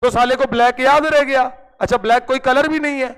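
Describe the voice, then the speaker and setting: A male chemistry teacher, telling a lively story to his class and acting out the voices of friends and his mother. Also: very high voice, a little fast, smooth. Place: coaching classroom. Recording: long hall reverb in classroom.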